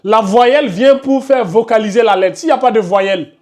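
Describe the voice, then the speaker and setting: A man's voice: high-pitched, normal speed. A man teaching a live tajwid class, questioning students by name and insisting they concentrate. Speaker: Quran recitation teacher.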